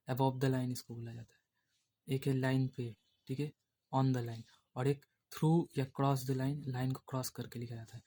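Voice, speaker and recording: A man's voice: medium pitch, mellow. A man teaching a shorthand class in with mixed in, repeating points and checking in with his students often. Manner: repetitive explaining, checks in with "theek hai". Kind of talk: classroom lesson explaining at a board.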